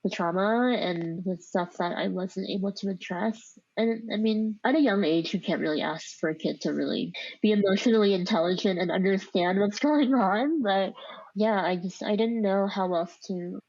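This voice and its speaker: This woman's voice is medium-pitched, a little mellow and husky, and she speaks at a moderate pace in a recording with no room sound and dull audio. Born overseas in Vietnam and raised in the United States, she has a speech impediment and tells her life story as a podcast guest in an informal, reflective style full of "like."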